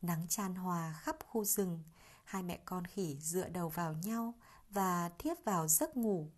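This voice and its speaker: A woman narrating a children's story in a gentle, expressive storybook manner. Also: on the low side, a little slow.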